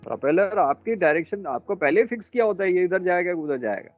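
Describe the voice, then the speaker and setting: A man lecturing students in a classroom, brisk and a little scolding as he quizzes them. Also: sits high, animated, no echo, muffled recording, soft background music. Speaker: instructor.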